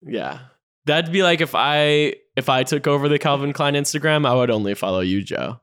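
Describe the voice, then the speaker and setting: A young man co-hosting a casual podcast, loud and teasing, swearing freely. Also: on the high side, normal speed, clear, resonant tone. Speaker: podcast co-host.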